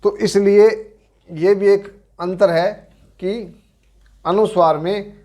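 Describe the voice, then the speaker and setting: Middle-aged man, Rajasthani accent, grammar lecture, unhurried, fairly high voice. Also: steady tone, a little mellow. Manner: slow, deliberate explaining with pauses and self-corrections. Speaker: teacher.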